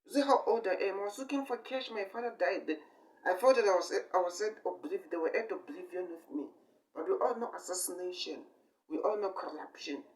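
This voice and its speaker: The amateur online speaker here is a young man in his 20s whose voice runs fairly high for a male. Unplanned and meandering, his delivery comes in short, halting phrases full of repetition and sudden emphatic stress. The microphone is set well away from him, so the sound is distant.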